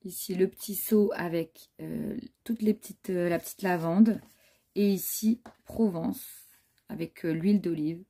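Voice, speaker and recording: A woman chats casually through a handmade scrapbook for her viewers. Her voice is warm and a touch husky. She keeps stopping to admire the pages and fills her talk with small hesitations. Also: on the low side, fairly even intonation, a little slow. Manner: admiring, chatty, many fillers. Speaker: scrapbooking vlogger. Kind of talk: casual show-and-tell chat.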